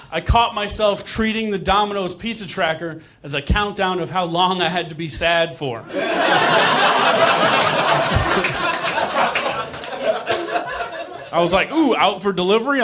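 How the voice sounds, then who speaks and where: A man doing self-deprecating stand-up comedy in a conversational way, acting out dialogue, with crowd laughter. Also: sits high. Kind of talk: stand-up comedy storytelling to a live audience. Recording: noisy live comedy show, audience laughter.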